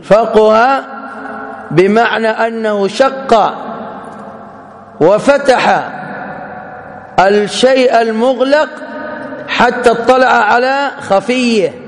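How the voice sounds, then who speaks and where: A man teaching a religious lesson in a measured, explanatory way, spelling out each point with care. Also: very high-pitched, creaky, in a large hall. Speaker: Islamic teacher.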